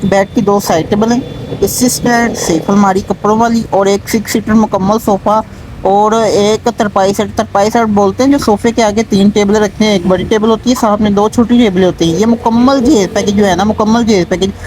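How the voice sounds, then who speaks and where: A man hosting a showroom sales video, delivering a repetitive pitch that keeps stressing low prices. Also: fairly even intonation, fairly quick, a little mellow, slight background noise, poor audio. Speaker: YouTube channel host.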